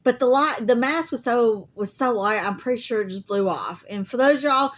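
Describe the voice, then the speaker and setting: Chatty Southern woman, slightly high voice. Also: lively intonation, normal speed, a bit bright. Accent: Southern US (Alabama). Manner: chatty, folksy, says y'all often. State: coughing, asthmatic. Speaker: crafting vlogger. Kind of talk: casual chat to viewers.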